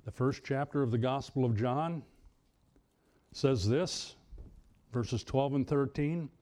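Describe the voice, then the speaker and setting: A man preaching a Bible teaching sermon, often pausing and restarting, and rising sharply in pitch for emphasis. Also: dark tone. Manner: halting, many restarts, rises high for emphasis. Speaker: pastor.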